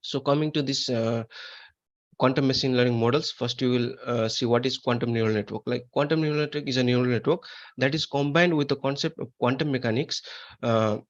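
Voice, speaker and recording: Man, academic presenter over a video call, halting delivery full of "uh" fillers, mid-range voice, dull lo-fi call audio. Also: mid-range voice. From Nepal. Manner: halting, many "uh" fillers and restarts. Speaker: conference presenter. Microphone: computer mic on a video call.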